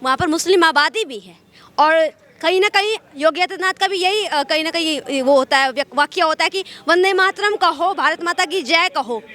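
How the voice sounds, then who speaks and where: A woman reporter with a very high, bright voice puts pointed questions to people on a city street. Her questions are probing and direct. The interview is done outdoors. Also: normal speed.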